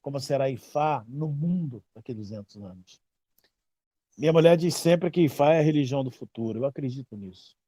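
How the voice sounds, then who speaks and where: This Brazilian man in his fifties, a babalawo teacher, explains his tradition in casual talk with a Brazilian Portuguese accent. His medium-pitched voice is brisk, mellow and husky, and he repeats phrases emphatically for stress. There's no echo on the recording.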